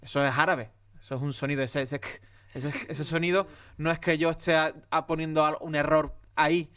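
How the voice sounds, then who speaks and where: A man's voice: on the high side, steady tone, a little fast, fairly bright tone, clear, resonant tone, no echo, studio quality. A man with an Andalusian accent from Andalusia, a guest comedian talking emphatically in a casual podcast conversation. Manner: emphatic and heated, many restarts.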